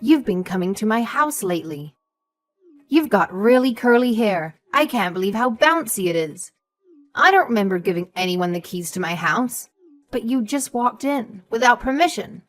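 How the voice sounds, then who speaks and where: Speaking at normal speed in a fairly high, animated voice close to her everyday one, a woman plays an elderly mother-in-law in a scripted audio story. The character is haughty, suspicious and scornful, sharp and condescending, and calls others "sweetheart" and "darling."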